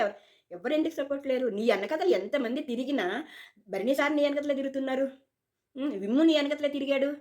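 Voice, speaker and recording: A woman talks fast in a casual monologue about a reality show, with a voice a little higher than most. She is chatty and opinionated, hammers points by repeating words and slips into little acted quotes. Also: a little mellow.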